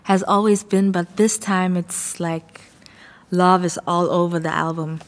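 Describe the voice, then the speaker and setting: A young woman talks in a low, level voice that barely rises or falls. She answers interview questions earnestly, pausing to find her words. The sound trails off in a long reverb. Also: fairly even intonation. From Germany. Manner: earnest, thoughtful, searching for words. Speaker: singer and songwriter.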